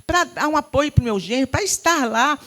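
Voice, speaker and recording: A middle-aged Brazilian woman pastor preaching with fervor from a church pulpit. Her delivery surges into loud, impassioned cries, then drops to hushed, tender tones. She sometimes breaks into speaking in tongues. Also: high-pitched, expressive, normal speed. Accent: Brazilian Portuguese. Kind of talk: fervent Pentecostal sermon. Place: church sanctuary.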